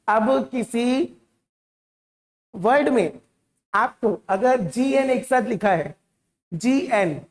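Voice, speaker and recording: Female teacher, Hindi accent, a bit high-pitched, patient classroom delivery that repeats and checks in. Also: a little mellow. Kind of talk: classroom lesson.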